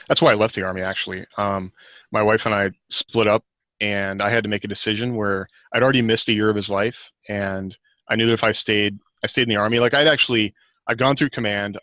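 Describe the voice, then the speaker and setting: Over a low-quality recording with no echo, a middle-aged man's fairly low, sharp voice comes through. As an author on a podcast, he reflects casually on writing and life, frequently reworking sentences as he speaks.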